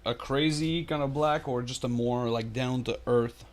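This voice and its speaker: A man's voice: medium pitch, fairly even intonation, normal speed, slight background noise. A man hosting a live miniature painting tutorial, chatting casually and rambling with lots of fillers, joking and talking to his chat. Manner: jokey, talks to chat.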